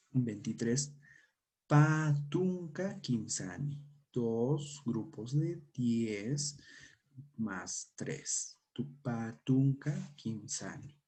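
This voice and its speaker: A man's voice: mid-range voice, mellow, slightly rough. A man with a Peruvian Spanish accent teaching a language lesson, patiently repeating each word for learners to echo. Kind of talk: slow spoken language lesson.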